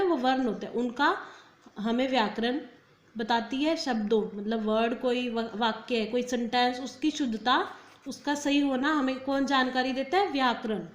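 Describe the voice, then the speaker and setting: A woman teacher giving a recorded grammar lesson. She asks questions and answers them herself, reads example sentences slowly, and mixes in English words. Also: fairly high pitch, reverberant. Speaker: school teacher.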